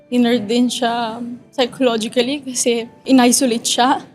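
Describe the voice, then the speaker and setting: A woman with a Filipino accent, a mother recounting her child's ordeal in an interview, soft-spoken and often dropping quiet. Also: fairly high pitch, flat delivery, measured pace, soft background music. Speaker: guest, mother. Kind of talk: emotional interview account.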